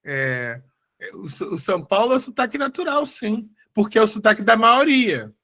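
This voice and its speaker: Stubborn know-it-all chatbot, voiced by a Carioca man, insistent, bright high tone. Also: very animated, normal speed, exaggerated voice. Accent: Carioca Brazilian Portuguese. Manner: insistent, patiently correcting.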